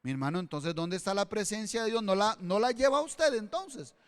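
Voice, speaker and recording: Impassioned Costa Rican pastor, high resonant voice. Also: male voice, lively intonation, normal speed, smooth. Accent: Costa Rican Spanish. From Costa Rica. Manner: swings from loud pleading to hushed intimate asides. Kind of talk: sermon. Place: church hall. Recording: long church-hall reverb.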